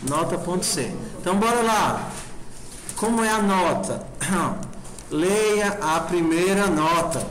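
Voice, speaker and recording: A man teaches a programming class with a slightly higher voice, spelling things out slowly and checking in with the students as he goes. The classroom sound is roomy, with a faint hiss behind him. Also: expressive, a bit bright. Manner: informal, asks the class constant check questions. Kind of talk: classroom lecture.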